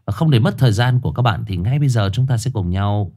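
Deep-voiced man hosting a late-night stream. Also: animated, fast talker, mellow. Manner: greets viewers by name, chatty and joking. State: stuffy nose, coughing. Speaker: host of a live horror story reading channel. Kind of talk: livestream chat and story introduction.

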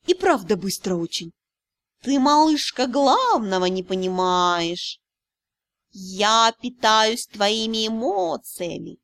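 A woman's voice: high voice, dry recording, full character voice. Woman voicing a smug drawling dragon-spirit cat. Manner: drawling, purring, teasing. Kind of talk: audiobook character voice.

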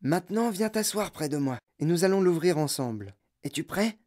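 A reader voicing an old, bedridden grandfather in an audiobook, speaking in a hushed, eager voice pitched above the narration. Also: animated, moderate pace, close to an everyday voice. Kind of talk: audiobook reading.

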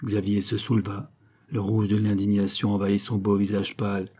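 A man reading a classic novel aloud as an audiobook narrator, in a measured, even way. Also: fairly low pitch. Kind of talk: scripted narration.

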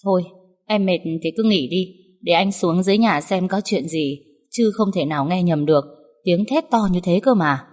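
A woman's voice: lowish voice, normal speed, a little mellow, lightly acted. A woman voicing a worried young husband who speaks firmly and in a hurry. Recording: long hall reverb.

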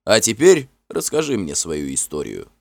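A man's voice: on the low side, wildly swooping pitch, moderate pace, creaky, no room sound, clean studio sound, exaggerated voice. Finn, a bold warrior chief, as a man voices him. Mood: kindly. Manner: forceful, ringing declarations. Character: proud, warm-hearted warrior chief, bold and commanding.

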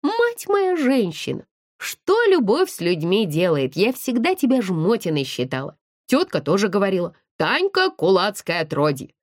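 A woman's voice: medium pitch, huge pitch swings, moderate pace, no echo, clean studio sound. A woman voicing a brash, gossipy young female student who talks bluntly in chatty, teasing slang, as a character voice in an audiobook.

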